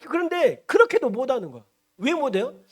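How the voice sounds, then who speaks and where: A man preaching as a pastor, retelling a scripture story in a lively way and acting out the characters as he goes. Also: very high-pitched, a little fast. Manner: animated, acts out the characters he describes. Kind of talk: storytelling sermon. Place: church.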